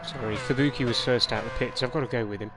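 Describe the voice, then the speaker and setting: A man's voice: mid-range voice, rapid-fire, over music. A man giving casual commentary on his own online racing game stream, chatty and self-deprecating, muttering to himself as he drives. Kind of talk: live gameplay commentary. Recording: noisy game audio behind voice.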